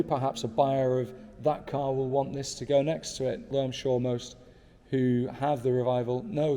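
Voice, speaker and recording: A man's voice: medium pitch, warm tone, long reverb tail. A man in his thirties, talking casually to camera from his desk, enthusiastic and rambling with asides. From United Kingdom. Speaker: car channel host. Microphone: small pocket camera.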